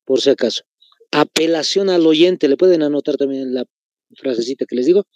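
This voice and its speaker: A man's voice: fairly high pitch, fairly quick, a little mellow, dry recording. Bolivian man teaching, repeating key phrases. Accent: Bolivian Spanish. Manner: explains patiently, repeats key phrases, addresses students as chicos. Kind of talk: online class lesson.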